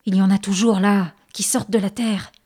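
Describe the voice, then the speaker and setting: A woman's voice: mid-range voice, fairly even intonation, a little fast, mellow, breathy edge, close to an everyday voice. A woman voicing a placid but fearful male miner who scolds his crew. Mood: anxious.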